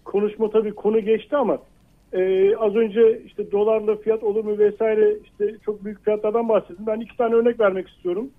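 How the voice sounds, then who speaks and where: A man's voice: high voice, flat delivery, a little fast. A middle-aged man calling into a radio show over a landline phone, earnest and hesitant, with lots of filler sounds, repeating his point. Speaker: caller. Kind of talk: call-in on a radio talk show. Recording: narrow tinny phone line.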